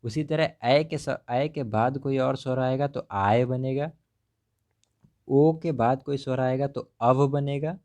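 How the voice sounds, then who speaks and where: A man's voice: mid-range voice, takes it slowly, darkish tone. A male teacher explaining grammar examples step by step, repeatedly asking what a word becomes before answering it himself. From India.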